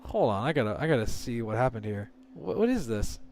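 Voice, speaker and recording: A man's voice: mid-range voice, sing-song, brisk, a little mellow, slight background noise. A man streaming a game, talking to viewers in live commentary and swearing often as he rants.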